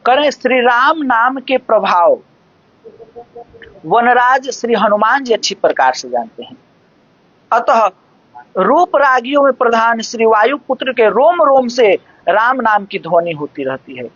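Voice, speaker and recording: A regular speaker giving a devotional discourse that explains scripture, talking in a measured, explanatory way and reciting verses slowly. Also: medium pitch, big pitch swings, a bit bright, dry recording. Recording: dull lo-fi dry recording.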